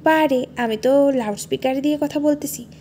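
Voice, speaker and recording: A sweet, naive young wife with a playful, coaxing manner, as a woman narrator puts her on. Her voice sits a little high and sounds innocent. She comes across as a storybook character in a romantic audio story. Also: normal speed, dark tone, slight background noise, close to an everyday voice. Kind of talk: storybook dialogue.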